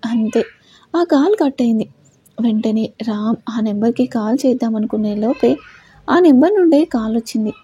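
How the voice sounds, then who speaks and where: A woman reads a serialized love story aloud in a steady narrating manner. Her voice is husky and very mellow, pitched slightly high, and the recording is dry and close. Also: normal speed, dry recording, dull audio.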